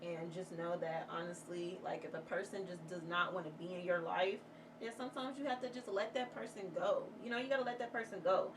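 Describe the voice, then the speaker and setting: A woman's voice: lowish voice, steady tone, brisk. Rambling, candid woman vlogging from afar. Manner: rambling, candid, heartfelt, swears freely. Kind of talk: casual get-ready-with-me chat. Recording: distant mic with clear background noise.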